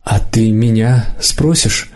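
A male narrator voicing a quiet, tired young woman who speaks softly and hesitantly in a storybook reading. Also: fairly low pitch, slow. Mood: subdued.

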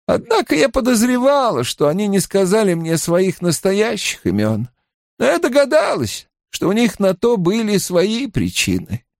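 A man's voice: high-pitched, huge pitch swings, normal speed, vocal fry, no room sound, studio quality, pitched above the performer's own voice, heavily acted. A man reading an audiobook, voicing a stern, weary grey-haired old woman who scolds and speaks guardedly. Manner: scolding then tired and guarded. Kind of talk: audiobook character voice.

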